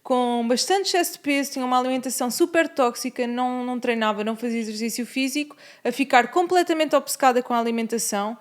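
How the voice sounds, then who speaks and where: Portuguese woman host with a high voice. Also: fast talker, hardly any pauses. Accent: European Portuguese. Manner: reflective, sharing personal experience. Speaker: podcast host. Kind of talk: conversational interview.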